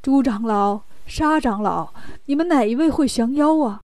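A woman's voice: on the high side, normal speed, a little mellow, no echo, lightly acted. A woman voicing a worried, fussy human king in a children's storybook telling, pleading and easily startled. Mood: coaxing.

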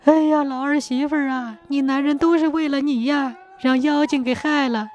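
A woman's voice: high-pitched, fairly even intonation, moderate pace, a little mellow, faint music behind, pitched above the performer's own voice, natural voice. A woman voicing an old landlord's wife in a folk tale, talking in a whining, coaxing way.

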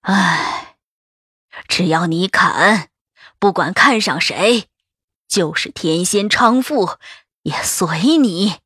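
A woman voicing a weary old grandmother in an audiobook, speaking slowly and softly with sighs. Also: fairly low pitch, expressive, husky, no echo, clean studio sound, full character voice. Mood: weary, resigned. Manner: slow, sighing, soft.

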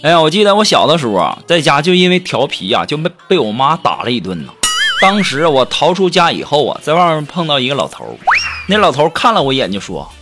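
A man telling short comic stories as a joke monologue, drawn out and dramatic. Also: fairly high pitch. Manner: animated, drawn-out storytelling with dramatic pauses. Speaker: comic storyteller. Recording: music playing behind the voice.

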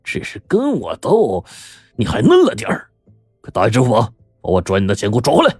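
Roaring greedy uncle, as a male storyteller puts him on, husky voice, threats, loud, no room sound. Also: fairly low pitch, big pitch swings, dry recording, clean studio sound, soft background music. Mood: furious. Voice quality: shouting, threatening, fast-tempered. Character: furious greedy middle-aged uncle.

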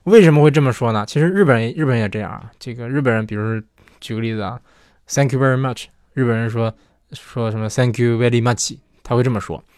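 A man hosting a listener question show, talking in a relaxed, explanatory way. His voice sits at an ordinary middle pitch and is recorded dry and close, with no room sound. He keeps rephrasing and checks that listeners agree. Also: fast, dry recording. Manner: chatty, rephrases often, asks "对不对" for agreement. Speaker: host answering listener questions. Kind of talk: casual explanatory monologue.

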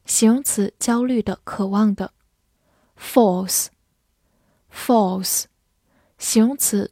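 A woman teaching English vocabulary at a very slow, deliberate pace, saying each word twice with care. Her voice is mellow and warm. It is recorded dry on a close mic. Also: mid-range voice, breathy edge, no echo. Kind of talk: vocabulary drill.

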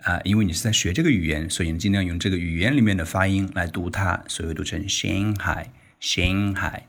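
A man with a very low voice hosts a relaxed pronunciation lesson. He chats along easily and laughs now and then. He slows right down whenever he demonstrates how a word sounds. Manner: chatty, laughs often, slows down to demonstrate words. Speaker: pronunciation teacher, podcast host. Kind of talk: casual teaching podcast.

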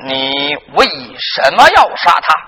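A male storyteller voicing a stern male magistrate who questions a prisoner slowly and with weight, in a reverberant hall. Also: on the high side, very animated, sharp tone, voice pushed down, heavily acted.

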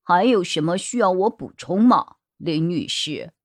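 A woman voicing a cocky young male detective who likes to drink, lecturing with a sneer in a slow, lowered voice. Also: animated, no room sound, clean studio sound. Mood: probing.

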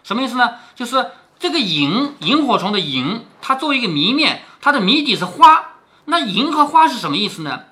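This middle-aged man's voice is extremely high, sharp, and very animated as he briskly reads a classic novel to his daughter. He stops often to put it in plain words, repeatedly asking "right?".

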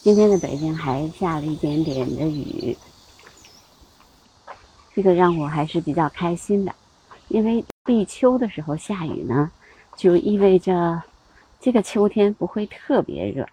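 A woman hosting a relaxed talk on seasonal customs, chatty, with many fillers and small laughs. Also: lowish voice, unhurried, long pauses, slight background noise. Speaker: host.

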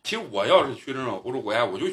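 A man's voice: medium pitch, very animated, very fast, fairly bright tone. A man hosting a casual podcast, telling travel stories in a boisterous, profane, joking way. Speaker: podcast host. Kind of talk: casual storytelling chat.

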